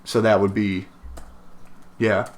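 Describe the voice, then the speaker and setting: A man's voice: on the low side, level tone, takes it slowly. A man co-hosting a podcast, chatting in a rambling, joking, crude way. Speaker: podcast co-host. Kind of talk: casual chat.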